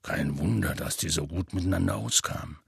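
In an audiobook character voice, a huge, gruff half-giant gamekeeper, rough yet warm-hearted, tells his tale in a very deep, gravelly, husky rasp with a sharp edge. His fairly quick, heavily acted delivery is folksy and full of curses. The recording is dry and close, with no room sound.

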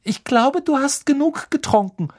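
A man's voice: very high-pitched, brisk, breathy edge, no echo, clean studio sound, voice pushed up. A man voicing an earnest, bossy teenage schoolgirl who speaks firmly. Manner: firm, insistent.

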